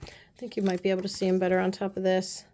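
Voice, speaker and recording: A woman casually chatting through a nail art haul, gushing and often dropping her voice to soft low asides. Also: monotone, quick pace. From United States. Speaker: beauty vlogger. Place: apartment room.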